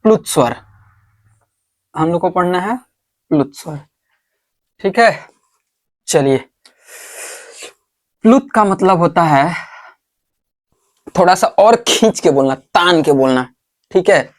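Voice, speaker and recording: A man teaching at the board at an unhurried, deliberate pace. He poses questions to his students and answers them himself. He repeats each word slowly as he writes it out. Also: high-pitched, lively intonation. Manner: repeats words slowly while writing on the board. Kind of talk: board lesson.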